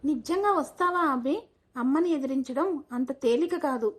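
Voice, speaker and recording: Storybook drama: a woman as an earnest young daughter, pleading and stubborn, lightly high voice. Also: normal speed, darkish tone. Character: headstrong young woman in love, a wealthy family's daughter.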